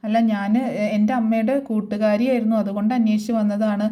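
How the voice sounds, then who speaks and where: Soft-spoken young woman comforting her little sister, warm low-key tone, talks quick, woman retelling her lines. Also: little pitch movement, close to an everyday voice. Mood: earnest.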